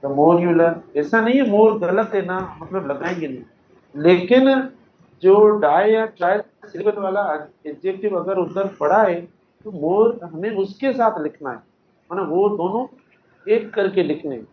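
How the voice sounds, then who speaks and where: A man with a Sindhi accent teaching English grammar, patiently explaining and slowly repeating example sentences while quizzing his students. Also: high-pitched, lively intonation. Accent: Sindhi-accented Urdu. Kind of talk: classroom grammar lecture. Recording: echoey classroom, dull lo-fi recording with faint noise.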